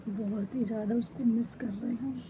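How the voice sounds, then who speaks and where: A woman's voice: fairly high pitch, fairly even intonation, moderate pace, noisy background. A middle-aged woman, a mother grieving for a lost pet, talking in short, broken phrases. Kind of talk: emotional personal account to camera.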